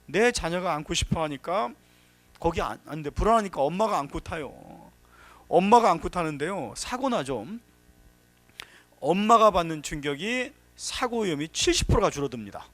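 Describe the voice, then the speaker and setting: Lively storytelling man lecturing. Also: fairly high pitch, moderate pace, no room sound. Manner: storytelling, acts out quotes, emphatic warnings. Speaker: safety lecturer. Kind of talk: lively workshop lecture with anecdotes. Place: workshop hall.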